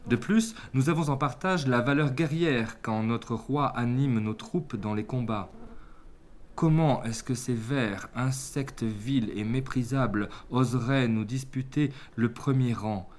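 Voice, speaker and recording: A man's voice: medium pitch, measured pace, darkish tone, close to an everyday voice. A man doing a boastful bee orator. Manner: grandiloquent, boastful.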